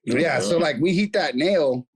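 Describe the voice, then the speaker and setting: A man guesting on a podcast, telling stories in animated, profane casual chat and acting out what others said. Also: a little high, a little slow, breathy edge, rough recording. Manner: animated storytelling with acted quotes and swearing.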